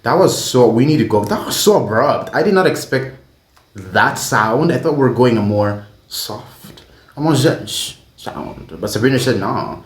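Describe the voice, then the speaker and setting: A man giving excitable, gushing commentary while reacting to an album, swearing freely as he talks. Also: mid-range voice, normal speed. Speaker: music reaction vlogger. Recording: roomy echo with faint music playing.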